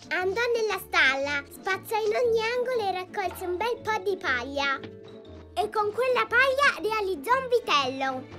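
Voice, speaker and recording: A very high-pitched, lively little girl spins a fairy tale for young viewers. She is chatty and playful and turns to the listener with questions, in a cartoon storybook style. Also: exaggerated voice.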